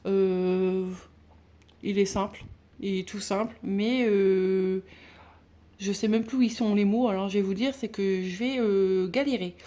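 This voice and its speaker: A woman vlogging casually about her budget binders, chatty and halting with many fillers and restarts. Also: medium pitch, fairly even intonation, dark tone. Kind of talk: casual chat showing binders.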